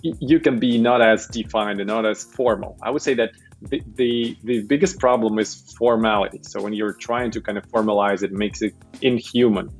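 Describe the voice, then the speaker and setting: A man with a lowish voice speaks at a moderate pace as a panel guest who works as a product management director. His conversational delivery is hesitant, and he often uses tag questions to seek agreement. Soft music plays in the background.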